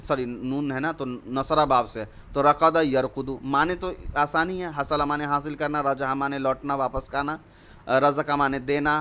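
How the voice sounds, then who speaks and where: A man's voice: fairly high pitch, pushed and bright. A man with an Indian Urdu accent teaching an online Arabic grammar lesson, explaining step by step and mixing in English words.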